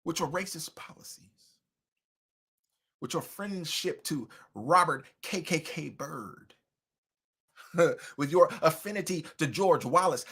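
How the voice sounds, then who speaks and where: A man's voice: high-pitched, husky. Mocking man ranting on a stream. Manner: mocking, preachy, loud swings in volume. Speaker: commentary host. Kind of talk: livestream commentary.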